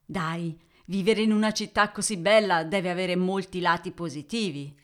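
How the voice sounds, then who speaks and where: A woman's voice: lowish voice, fairly even intonation, moderate pace, fairly bright tone. A woman presenting an interview podcast as its host, addressing listeners and putting questions to a guest.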